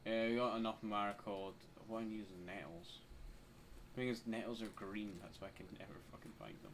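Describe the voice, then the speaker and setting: A gamer gives casual gameplay commentary, muttering to himself and swearing freely. His voice is lowish and a little fast, with game noise clearly audible behind him.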